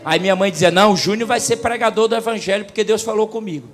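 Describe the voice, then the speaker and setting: Pastor guy preaching, pretty high voice, goes quiet then big and loud, music playing under him. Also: quick pace. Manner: storytelling, swings from soft to loud preaching. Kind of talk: sermon.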